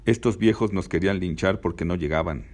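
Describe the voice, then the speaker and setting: A man's voice: low voice, a little fast, darkish tone. A man voicing a reproachful, nosy teenage girl, in a storybook reading. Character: sharp-tongued teenage Mexican girl.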